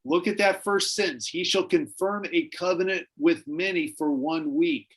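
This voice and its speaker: A man's voice: sits high, moderate pace, rough recording. A man leading a church Bible study, teaching in a conversational, musing way with frequent restarts. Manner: conversational, speculative, many restarts. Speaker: pastor.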